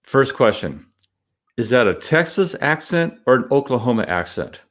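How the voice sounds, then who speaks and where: A man's voice: mid-range voice, sing-song, moderate pace, a bit bright. A man hosting a conversational interview, introducing and questioning his guest. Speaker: interview host.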